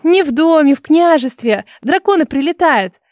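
A woman voicing a cheerful, teasing young noblewoman with a bright, insistent and theatrical manner. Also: sits high, expressive, normal speed, dry recording, clean studio sound, voice pushed up. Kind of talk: audiobook character voice.

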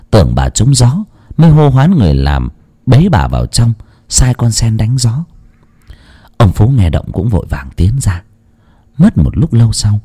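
A man narrating a horror story in a dramatic, expressive manner. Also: lowish voice.

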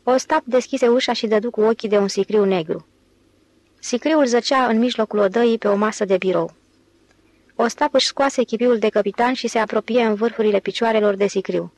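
A woman narrating an audiobook in a steady, even reading voice. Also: a little high, dry recording, poor audio. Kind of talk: scripted narration.

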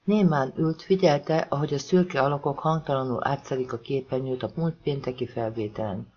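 A man reading a thriller audiobook as narrator, voicing the dialogue with shifts in pitch and loudness. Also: husky, muffled recording. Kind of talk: scripted narration.

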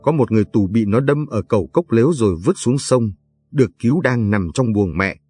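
A man's voice: medium pitch, expressive, brisk, darkish tone, slightly rough. A man reading the part of a grief-stricken elderly mother who pleads through tears, in an audiobook narration. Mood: tearful pleading. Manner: tearful, pleading. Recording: dry, faint background music.

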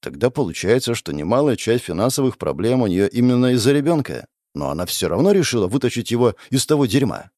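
Male narrator, first-person story, expressive, animated pitch, mid-range voice, dry room. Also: quick pace, hardly any pauses, no room sound. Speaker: audiobook reader.

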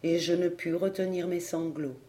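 A reader narrating a nineteenth-century novel in a measured, solemn way, as an audiobook. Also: medium pitch, steady tone, dark tone.

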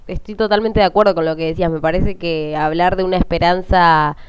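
Crisp, clear co-host. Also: male voice, high voice, steady tone, brisk, no echo, dull audio. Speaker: radio co-host. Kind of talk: casual radio chat.

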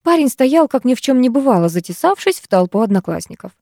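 A woman reads a first-person novel aloud in an even, measured way. Her voice is mellow and warm, and the close recording is dry. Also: a little high, no echo. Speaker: audiobook narrator. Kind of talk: first-person audiobook narration.

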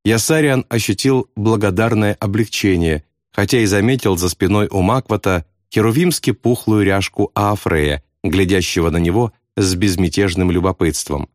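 A man reading a novel aloud with dramatic, expressive narration. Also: on the low side, normal speed, few pauses, no room sound, clean studio sound. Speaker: audiobook narrator. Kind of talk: scripted narration.

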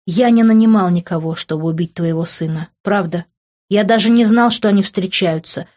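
A woman's voice: medium pitch, moderate pace, a little mellow, muffled recording, natural voice. A woman reading the lines of a guilty, defensive middle-aged man who sighs. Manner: sighing, defensive.

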